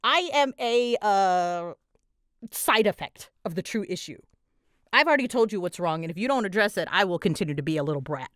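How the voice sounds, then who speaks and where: A voice actress hosting a Q&A with her audience talks at a medium pitch and a fairly quick pace, rambling casually. Her manner is bouncy and dramatic, giggly and self-deprecating, an animated storyteller's delivery. The audio is clean studio sound with no room sound.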